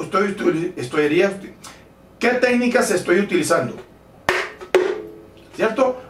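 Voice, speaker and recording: A Colombian bongo instructor with a high voice gives a music lesson, patiently counting beats aloud and correcting himself as he demonstrates. Loud bongo drumming fills the noisy, roomy recording, and the mic sits at a distance.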